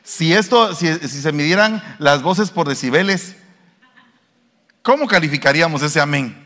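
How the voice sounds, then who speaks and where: A man's voice: on the high side, animated, normal speed, bright, forceful tone. A male pastor, preaching a sermon and putting questions to the congregation. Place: church. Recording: reverberant church hall.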